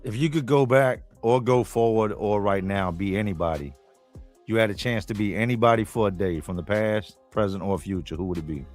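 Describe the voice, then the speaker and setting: A man's voice: fairly low pitch, a little fast, darkish tone, faint music behind. A man hosting a casual chat, asking playful what-if questions.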